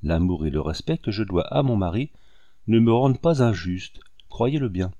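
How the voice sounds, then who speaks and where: A man reading the lines of a gentle, kindly young married woman in an audiobook, speaking softly and coaxingly. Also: on the low side, expressive, moderate pace, no room sound, dull audio, close to an everyday voice. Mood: tender. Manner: soft, coaxing delivery.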